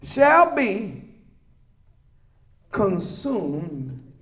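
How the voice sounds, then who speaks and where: Male preacher with a very high voice. Emphatic sermon delivery, calls for talk-back. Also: sing-song, extremely slow, fairly bright tone.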